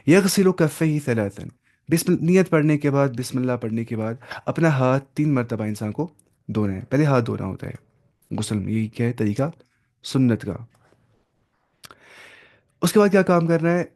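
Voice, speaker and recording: Man teaching Arabic, slow phrase glosses. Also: medium pitch, darkish tone. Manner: reads an Arabic phrase slowly, then glosses it in Urdu. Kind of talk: classroom lesson explaining Arabic texts.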